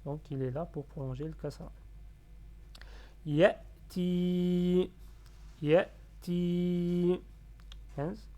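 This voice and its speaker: A man teaching a reading lesson step by step. He is patient, sounding out syllables slowly and repeating them. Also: fairly high pitch, fairly even intonation, warm tone.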